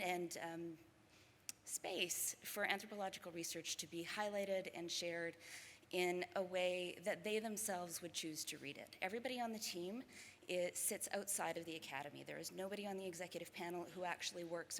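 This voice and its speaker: A woman's voice: on the low side, fairly bright tone, a little hiss or hum. Earnest woman panelist in a reverberant hall. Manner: earnest, self-deprecating, laughs often. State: slightly out of breath at first. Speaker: panelist, magazine representative. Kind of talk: conference panel talk. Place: conference hall. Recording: reverberant hall, faint ambience.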